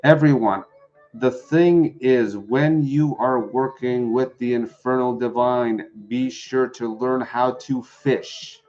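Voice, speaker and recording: A man's voice: medium pitch, fairly even intonation, takes it slowly, a little mellow, muffled recording, soft background music. A man doing a live-streamed tarot reading, chatting with viewers and answering the chat. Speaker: tarot reader.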